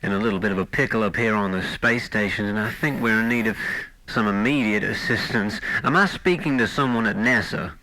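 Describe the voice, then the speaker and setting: A man's voice: fairly low pitch, a little fast, pushed and bright, no room sound, low-quality recording. A man playing an astronaut stuck on a space station, calling over a walkie-talkie radio with formal call signs and a politely flustered manner. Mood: relieved.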